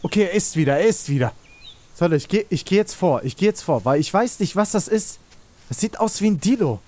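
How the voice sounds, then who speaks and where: Ein Mann, der aufgeregt ein Spiel kommentiert, in Panik ruft und fleht und viel Jugendslang benutzt. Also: male voice, sits high, brisk. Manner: excitable, shouts and pleads in panic, youth slang. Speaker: let's play host. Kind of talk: excited gaming commentary.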